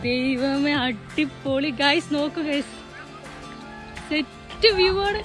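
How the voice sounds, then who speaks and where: High-voiced Malayali woman vlogger mixing in English. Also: slow. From Palakkad, Kerala, India. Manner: mixes English words into Malayalam; exclamatory, addresses viewers often. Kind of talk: casual on-the-go vlog chat. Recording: crowd chatter and music behind.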